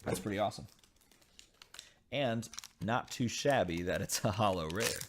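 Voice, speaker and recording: A man hosting a casual unboxing video, reading game card text aloud and thinking over each card with frequent pauses. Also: on the low side, a bit bright, a little hiss or hum. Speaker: channel host opening dice game packs.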